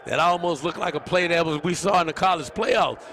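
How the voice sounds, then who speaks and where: A man, a former defensive back, giving animated, explanatory color commentary on a live football game from a stadium booth. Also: on the high side, fairly quick, slight background noise. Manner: animated, explaining, laughs easily.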